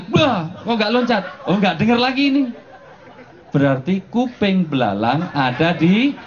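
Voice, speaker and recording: Preacher, male, slightly high voice, dull noisy live recording, jokey storyteller. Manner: joking, animated storytelling with frequent chuckles. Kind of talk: humorous sermon.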